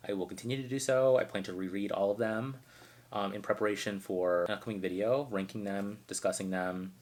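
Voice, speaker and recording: A man's voice: on the low side, steady tone, a little fast, a little mellow. A man from Arizona reviewing books in a casual, chatty way, full of asides and "like". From Arizona, United States. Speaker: book reviewer.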